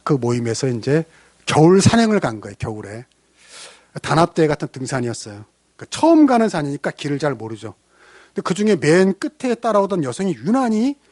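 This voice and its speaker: A male pastor preaching a sermon in church in a conversational, animated way, asking the congregation questions as he tells stories. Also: high-pitched, no room sound, studio quality.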